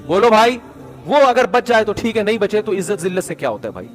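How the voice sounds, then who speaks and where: A man's voice: high-pitched, sing-song, soft background music. Chatty man telling moral stories. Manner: conversational, keeps addressing listeners as brother. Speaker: speaker giving moral advice. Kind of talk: storytelling advice talk.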